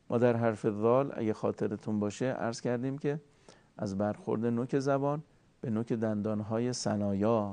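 A man giving a formal recitation lesson, courteous and deliberate, slowly drawing out sounds to show how they are made. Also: mid-range voice, mellow, no room sound. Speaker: Quran recitation teacher.

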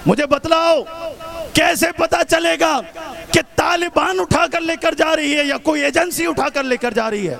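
High, gravelly man shouting a fiery rally speech. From Pakistan. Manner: impassioned, often shouting, rhetorical questions. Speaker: speaker at a protest rally. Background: faint crowd.

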